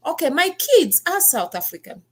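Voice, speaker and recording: Hosting a talk, a Kenyan woman with a high, sing-song voice and a Kenyan accent shares her personal story at a moderate pace. Her mother tongue is Kenyan, and she speaks with earnest emphasis.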